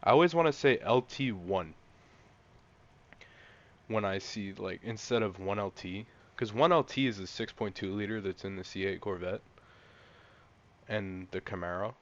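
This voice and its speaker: A young man giving casual, rambling gameplay commentary, an excitable car enthusiast talking through a car he's trying out. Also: on the low side, moderate pace, pauses often, muffled recording. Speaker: gaming channel host.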